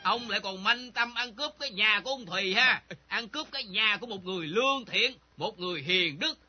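Tough adult male drifter, sarcastic and taunting: high voice, lo-fi sound. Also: a little fast. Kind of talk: radio drama acting. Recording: dull lo-fi recording with faint music.

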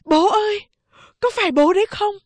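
Tearful little boy, high and pleading, a woman voicing him. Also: takes it slowly, a little mellow, dry recording. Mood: begging. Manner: crying, begging. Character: young boy, tearful and clinging to his father. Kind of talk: audiobook character reading.

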